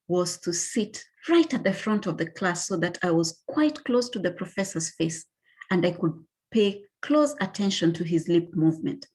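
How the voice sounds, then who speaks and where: Kenyan woman reading her paper on a call, lowish husky voice, careful and steady. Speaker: conference panelist. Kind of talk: reading a personal narrative paper.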